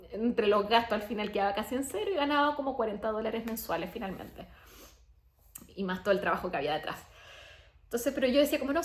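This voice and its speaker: A young adult woman and coach telling her personal story in a chatty, animated way, full of "o sea" and "como". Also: a little high. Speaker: abundance coach and podcaster. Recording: roomy echo.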